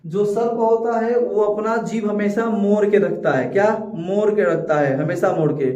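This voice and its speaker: A man's voice: high-pitched, moderate pace, warm tone. A man teaching a lesson, repeating key words and asking his students rhetorical questions. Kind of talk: classroom lecture with call-and-response questions. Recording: echoey, distant, dull lo-fi sound.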